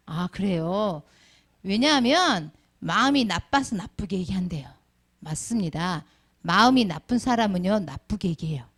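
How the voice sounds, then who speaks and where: A woman's voice: medium pitch, animated, unhurried, gravelly, breathy edge. A middle-aged woman teaching a Sunday school lesson, calling on children by name and asking them questions. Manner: calls on children by name and asks many questions. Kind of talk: children's sermon with questions to the class.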